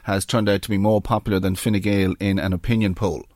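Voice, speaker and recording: An Irish man presenting a live current affairs programme, steering the talk with a brisk, prodding manner. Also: fairly low pitch, little pitch movement, darkish tone, dry recording, studio quality. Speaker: radio presenter. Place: radio studio. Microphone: studio microphone.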